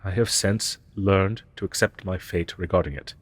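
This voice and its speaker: With no room sound around him, a man performs a scripted audio drama monologue as an ancient dragon professor with a deep voice. The character looks down on humans, and the delivery is deliberate and disdainful, pompous and condescending, in formal, archaic language.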